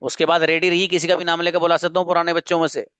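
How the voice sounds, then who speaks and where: A man's voice: on the high side, flat delivery, rapid-fire, fairly bright tone, clean tone, no echo. Earnest male online teacher, coaxing and repetitive, close and dry. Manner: coaxing, earnest, repeats himself. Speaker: English teacher. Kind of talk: online spoken English class.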